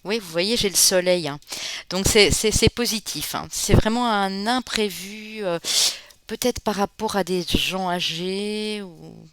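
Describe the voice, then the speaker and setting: A card reader from the Spanish Basque Country gives viewers an informal, chatty tarot reading in a mid-range, fairly bright voice. Sentences are often tagged with "hein," which also fills pauses, and listeners are called friends.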